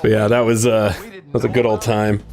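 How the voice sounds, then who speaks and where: Over loud music, a streamer with a fairly low, level voice chats at a moderate pace on his casual gaming stream. He tells rambling stories crammed with fillers like "like" and plenty of swearing.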